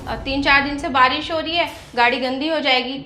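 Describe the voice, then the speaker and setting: A woman plays a young wife in a family comedy skit who explains herself defensively. Her voice is high and bright. There is a roomy echo, with faint music behind. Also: fairly even intonation, fairly quick, a little hiss or hum. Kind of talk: scripted family comedy scene.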